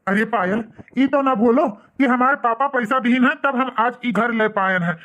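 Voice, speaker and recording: A woman's voice: on the high side, moderate pace, a bit bright, close to an everyday voice. A woman voicing a young husband with an Awadhi accent, who speaks in a complaining, reproachful way. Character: young office-going husband, upset and hurt.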